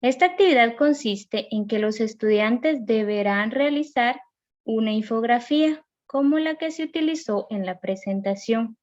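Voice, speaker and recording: A woman teacher giving a recorded grammar lesson, reading rules and examples slowly and carefully. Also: fairly high pitch, darkish tone, dull audio.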